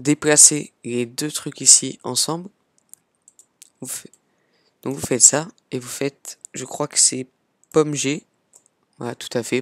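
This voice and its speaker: A man casually hosting a software tutorial, chatting along as he clicks and filling pauses with little "hop" and "voilà" sounds. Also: medium pitch, no echo. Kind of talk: casual screen-recorded tutorial.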